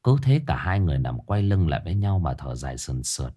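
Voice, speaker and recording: A man's voice: rumbling low, lively intonation, quick pace, warm tone. A man narrating a horror story in a vivid, dramatic way.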